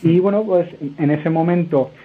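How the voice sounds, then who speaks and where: The voice is a man's, fairly high in pitch and at normal speed. A Spanish guest entrepreneur, he handles the conversational interview in a loose, rambling way with frequent hesitations, and the sound is narrow like a phone line.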